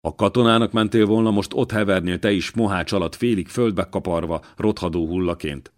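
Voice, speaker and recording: A man voicing a gruff, deep-voiced old man. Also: lightly acted. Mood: gruff, fatherly. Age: older. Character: wounded old man, former royal servant, gruff, fatherly.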